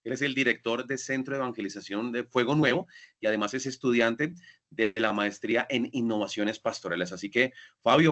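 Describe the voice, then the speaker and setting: A man's voice: mid-range voice, a bit bright. A man acting as master of ceremonies, giving a formal welcome over a video call in a ceremonious way with some fillers.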